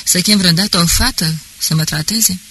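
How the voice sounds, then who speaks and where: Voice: mid-range voice, bright, forceful tone, husky, rough recording. An audiobook reader voicing a boastful, talkative middle-aged police officer who rambles pompously. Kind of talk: audiobook character reading.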